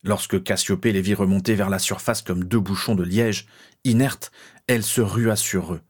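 Male narrator, audiobook, low voice, breathy, measured dramatic storytelling. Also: fairly even intonation, darkish tone.

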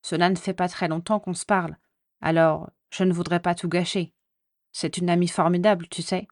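A woman voicing a jealous, defensive teenage boy wizard in a quiet, guarded tone. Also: on the low side, level tone, moderate pace, no echo, clean studio sound, lightly acted. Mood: earnest.

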